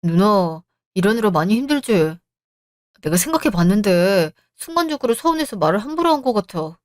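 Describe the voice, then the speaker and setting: A woman's voice: mid-range voice, very animated, a little fast, no room sound, close to an everyday voice. A woman voicing a jobless, sulky younger husband in a radio drama, with a pleading, whiny manner. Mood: coaxing.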